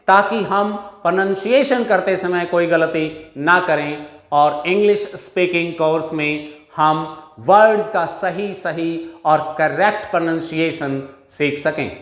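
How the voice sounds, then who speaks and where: A man with an Indian accent teaching an English pronunciation lesson, slowly drawing out each example word. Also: high-pitched, fairly bright tone, roomy sound.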